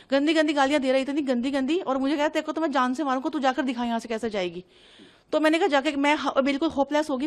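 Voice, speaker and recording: A woman from Delhi giving an agitated first-person account to a reporter, re-enacting the exchanges as she tells it. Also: sits high. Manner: agitated, fast, re-enacting dialogue. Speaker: interviewee recounting an incident.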